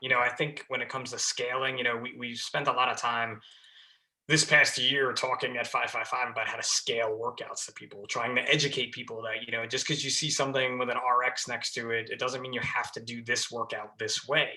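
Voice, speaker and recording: Enthusiastic male guest with a sharp, bright voice, chatting casually. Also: mid-range voice, little pitch movement. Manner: enthusiastic, talks in quick bursts. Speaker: podcast guest, fire lieutenant. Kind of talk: casual conversation.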